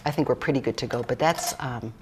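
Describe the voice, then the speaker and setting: A woman's voice: very deep voice, fast, noisy background. A woman cookbook author chatting casually through a cooking demonstration, rambling with jokes and fillers.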